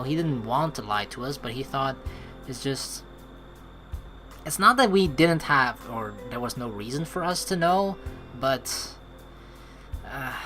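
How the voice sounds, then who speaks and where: A let's play streamer offers casual gameplay commentary and reads game text aloud, rambling conversationally as if thinking out loud. The voice is medium-pitched and a bit bright.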